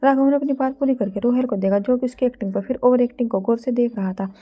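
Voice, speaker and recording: A woman narrating a romantic story from a script in a steady reading voice. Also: on the high side, fast, phone-quality sound.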